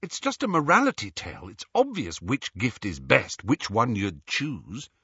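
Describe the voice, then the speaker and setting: A man doing a brisk, sceptical clever girl. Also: on the low side, huge pitch swings, pushed and bright, slightly rough, no room sound, full character voice. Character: clever, exasperated teenage girl. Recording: dull, dry audiobook recording.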